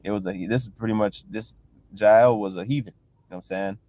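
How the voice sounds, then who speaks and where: A man's voice: fairly low pitch, steady tone, fairly quick, dark tone, dry recording. A man leading a casual bible class, reading verses aloud and retelling them loosely, with constant "you know" and "right?" check-ins. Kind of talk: casual scripture teaching.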